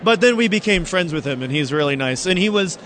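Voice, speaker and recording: A man's voice: high-pitched, animated, quick pace, fairly bright tone. A man who is a filmmaker guest, talking casually and upbeat with frequent restarts in an outdoor interview at a fan convention. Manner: laughing, repeats and restarts, upbeat.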